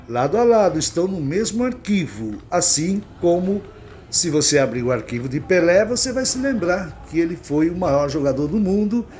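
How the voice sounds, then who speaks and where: A man from Brazil teaching English pronunciation in a didactic lesson, checking in with "né?" and "ok?" and slowing down to spell out example words. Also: a little high, a little mellow, slight background noise. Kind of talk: explanatory lesson.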